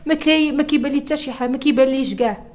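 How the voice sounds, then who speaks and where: A young woman with a Moroccan Arabic accent speaks in a high, racing voice as an interviewee. She gives an emotional personal testimony, sounding distressed, repeating herself and starting her sentences over.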